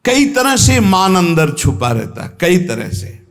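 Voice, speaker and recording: A man's voice: high voice, very animated, a little slow. A man with a North Indian Hindi accent giving an earnest devotional sermon, repeating key phrases for emphasis. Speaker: spiritual teacher giving satsang. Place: ashram hall. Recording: long hall reverb.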